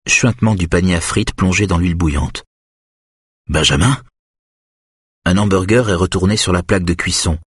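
Deep, husky male audiobook narrator. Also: no echo, clean studio sound. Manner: measured, steady present-tense reading. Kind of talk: scripted thriller narration.

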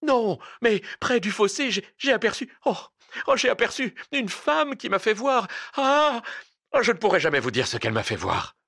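A man's voice: medium pitch, sing-song, moderate pace, a bit bright, slightly rough, no echo, clean studio sound. A man voicing a kind, courteous old man who turns terrified, speaking politely and then gasping in fright.

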